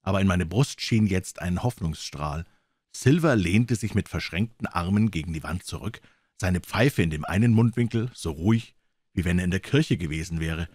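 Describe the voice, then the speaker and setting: A man's voice: low voice, expressive, moderate pace, darkish tone, breathy edge, dry recording, clean studio sound. A man narrating an audiobook in a dramatic storytelling manner. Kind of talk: audiobook reading.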